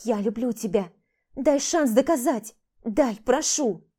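A clingy young woman begs and pleads in an audiobook, her voice pushed noticeably higher, as a woman reader puts her on. The tone underneath stays mellow and dark. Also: slow pace. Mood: pleading. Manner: pleading, raised high voice.

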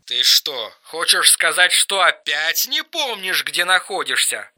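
A man voicing an erratic, mocking young man on the phone in an audiobook reading, shrill and teasing. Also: full character voice. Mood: sly. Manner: shrill, teasing, quick swings to flat calm.

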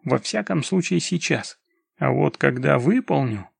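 A man doing a gruff barking army commander. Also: on the high side, expressive, measured pace, dry recording, exaggerated voice. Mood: commanding. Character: gruff male army scout commander, stern.

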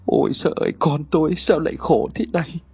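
A male narrator voicing a sorrowful older mother-in-law who speaks softly and sighs. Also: on the low side, sing-song, breathy edge, voice pushed down, full character voice. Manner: soft, sighing, slow.

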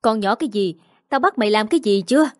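A woman voicing a hot-tempered older mother-in-law, scolding shrilly and fast. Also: medium pitch, animated, no echo, studio quality, natural voice. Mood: furious.

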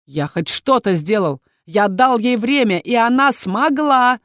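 A woman's voice: a little high, lively intonation, a little slow, no room sound, clean studio sound, voice pushed up. A woman voicing a young male mage with a mocking manner. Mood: pleading.

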